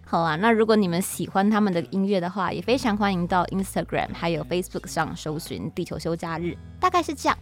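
A podcast host with a Taiwanese accent talks solo in a chatty, informal, slightly self-deprecating way over background music. Her fairly low voice is animated and fast, with hardly any pauses.

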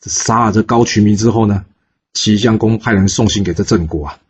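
A man telling a historical story in a lively way, with asides to his listeners. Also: lowish voice, brisk, muffled recording.

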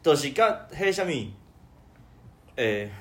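A man with a Taiwanese Mandarin accent joins crude podcast banter, mocking himself and swearing freely. His voice leaps wildly from high to low and sits a little high for a man. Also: sing-song, takes it slowly, a bit bright. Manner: self-mocking, swears a lot. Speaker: podcast co-host.

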